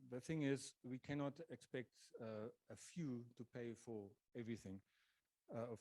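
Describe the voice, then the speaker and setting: In a mellow, warm, middle-range voice, a man gives a public lecture at a lecture venue, thinking aloud with frequent pauses, fillers and restarts. The recording is rough, dry and close, with no echo.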